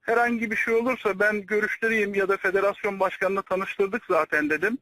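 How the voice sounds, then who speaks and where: High-pitched deferential man on a landline phone. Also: fairly even intonation, brisk, sharp tone, no room sound. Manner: speaking over a landline phone; deferential, respectful reporting to a superior. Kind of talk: private phone conversation, reporting. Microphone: telephone line. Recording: secretly recorded phone call.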